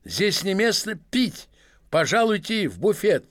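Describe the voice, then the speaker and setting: A man's voice: high-pitched, sing-song, a bit bright, no echo, studio quality, pitched above the performer's own voice, full character voice. A man voicing a small, prim club steward who asks people to leave with stiff politeness in a storybook reading. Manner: slow, formal politeness.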